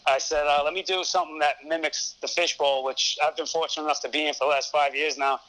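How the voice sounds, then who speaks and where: A man's voice: a little high, fairly even intonation, quick pace, pushed and bright, rough recording. A man from Brooklyn with a thick Brooklyn accent, answering conversationally as a guest on a podcast. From Brooklyn, New York. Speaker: podcast guest, fantasy sports show host.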